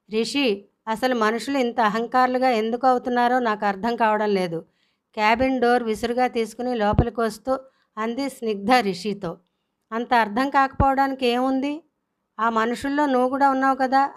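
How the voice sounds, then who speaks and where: A woman storyteller narrating an audio story and voicing its characters with small pitch shifts.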